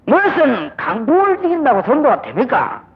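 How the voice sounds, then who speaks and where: An older pastor from Busan, South Korea, preaches in a very high voice with huge pitch swings, a moderate pace, and a breathy edge. Emphatic and Gyeongsang-accented, he acts out short dialogues in the church sanctuary. The recording is dull and old.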